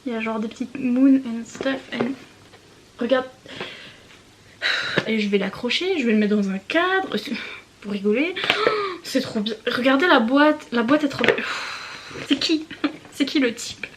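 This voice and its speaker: A young woman gushes through an unboxing, giggling often and tossing English words into her chatter. Her voice sits a little high, with a faint hiss of noise under the recording. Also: a little slow, pauses often. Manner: gushing, giggly, mixes English words into French. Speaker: book vlogger. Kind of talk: excited unboxing chat.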